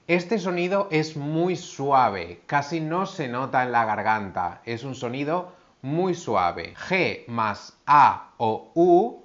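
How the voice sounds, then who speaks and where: Slow, lively-voiced teacher man. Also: a little high, lo-fi sound. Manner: spells out sounds and example words carefully. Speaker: language teacher. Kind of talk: slow, clear pronunciation lesson.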